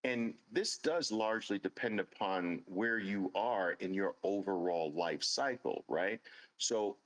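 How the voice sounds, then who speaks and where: Fifties guy, kinda low voice, talks earnest and emphatic, repeats stuff to hammer it home. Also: animated, unhurried, rough recording. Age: 50s. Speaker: host. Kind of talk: personal storytelling monologue.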